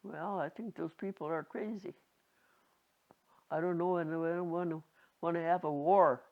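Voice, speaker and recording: A very old woman in her nineties reminiscing casually, halting and rambling, with a creaky aged voice. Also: on the low side, steady tone. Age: 90s. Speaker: interviewee. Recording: dull lo-fi home recording.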